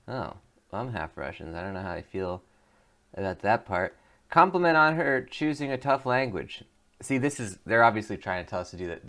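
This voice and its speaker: Hosting a let's play, this man reads the choices aloud and jokes about them, laughing often. His voice is deep with a touch of brightness.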